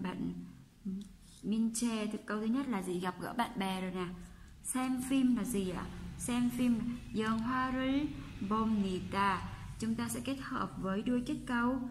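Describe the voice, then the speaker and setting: A woman with a Vietnamese accent, a Korean teacher explaining textbook exercises and patiently repeating each example sentence slowly. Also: mid-range voice, slight background noise.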